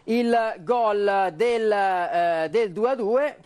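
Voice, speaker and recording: A man's voice: high voice, drawn-out words, darkish tone, smooth. A middle-aged man hosting a live football show, animatedly analysing play and handing over to others. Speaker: studio host. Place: TV studio, standing.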